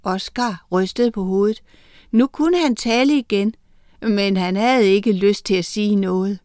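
A woman author reading a children's story aloud on the radio in a clear, measured storytelling manner. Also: mid-range voice, a little mellow, no room sound, clean studio sound.

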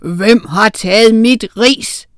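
A woman's voice: on the high side, fairly bright tone, dry recording, studio quality, lightly acted. A woman reading as a harsh, barking old schoolteacher. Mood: angry. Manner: barking, threatening. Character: harsh, angry old male schoolteacher with a cane. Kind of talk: reading a children's story aloud.

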